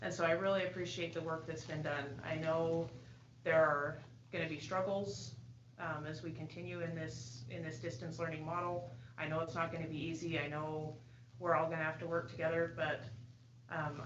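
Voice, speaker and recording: A woman's voice: deep voice, level tone, normal speed. A woman school board member chairing the meeting, speaking in a plainspoken, chatty way. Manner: warm-hearted, plainspoken, chatty asides with "you know". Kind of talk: public remarks at a board meeting. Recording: echoey, dull room recording with hiss.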